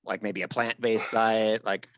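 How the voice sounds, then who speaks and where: A man's voice: fairly low pitch, flat delivery, unhurried, dull audio, a little hiss or hum. A man, hosting a casual podcast interview and chiming in with easy, affirming remarks. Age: 50s. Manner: easygoing, affirming with frequent "right, right". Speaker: podcast host.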